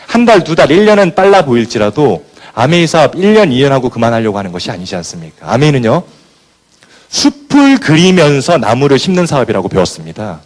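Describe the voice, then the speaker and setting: Male business leader at a seminar, expressive and lively, plays out his anecdotes. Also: medium pitch, fairly quick. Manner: animated storyteller who acts out scenes. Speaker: business leader giving a motivational talk. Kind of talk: motivational speech with storytelling.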